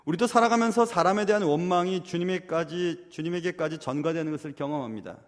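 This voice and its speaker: A man's voice: a little high, fast. A male pastor delivering an earnest sermon to his congregation, posing rhetorical questions to them. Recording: echoey hall reverb.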